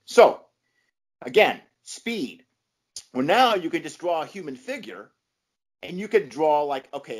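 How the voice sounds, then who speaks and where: A man speaking informally as an expert podcast guest, explaining with emphasis and often checking in with a questioning tag. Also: medium pitch. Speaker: podcast guest, comics scholar and author. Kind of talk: informal explanatory interview talk.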